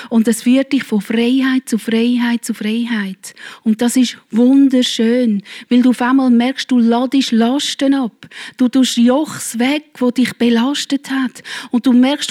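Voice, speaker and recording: A woman's voice: a little high, a little mellow. Earnest woman preaching. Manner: earnest, speaks straight to the congregation. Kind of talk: sermon.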